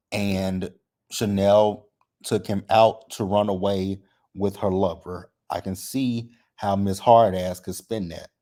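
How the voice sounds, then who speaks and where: A man's voice: fairly low pitch, dark tone. A man giving a casual, conversational recap with a slight lisp from wearing braces, often tagging his points with a questioning "right?". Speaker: host of a TV episode recap.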